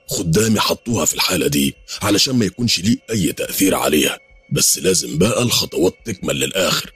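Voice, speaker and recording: A man's voice: rumbling low, slightly rough, full character voice. A man voicing a stern, sinister middle-aged sheikh giving orders, in an Egyptian accent.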